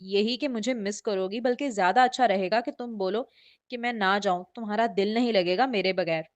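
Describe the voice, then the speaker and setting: A woman's voice: medium pitch, brisk, close to an everyday voice. A woman reading the lines of a stubborn, demanding young man who is the hero of a romance novel. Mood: insistent. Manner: demanding and insistent.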